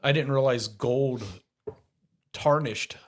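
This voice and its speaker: A man's voice: medium pitch, slow pace, a little hiss or hum. Rambling middle-aged man, casual chat. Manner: rambling, self-correcting, laughs easily. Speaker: podcast host.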